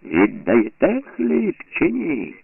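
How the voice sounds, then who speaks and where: A man voicing a harsh, bullying male Soviet grain-requisition official who sneers and shouts in an audiobook reading, his voice raised and louder than his narration. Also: low voice, lively intonation, moderate pace, no echo. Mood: shouting. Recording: tinny lo-fi phone-like sound.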